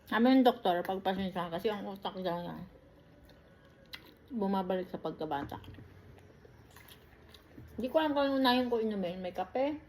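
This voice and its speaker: A woman caregiver chats and tells stories in short, quick phrases and laughs often. She records on a phone, and faint room noise sits behind her. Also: mid-range voice, animated, darkish tone. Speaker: caregiver and vlogger. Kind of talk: casual storytelling chat.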